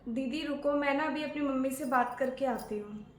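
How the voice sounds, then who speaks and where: A dutiful young daughter-in-law who speaks softly and politely, as a woman acts her out. Her voice is high and gentle, and the skit is recorded in an echoey room. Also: normal speed, a little hiss or hum, lightly acted. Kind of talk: family skit acting.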